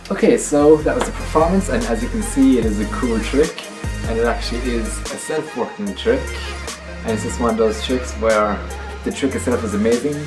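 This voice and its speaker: A man's voice: medium pitch, brisk, few pauses, echoey room, over music. A man hosting a magic tutorial in casual card magician patter, explaining step by step and often repeating himself.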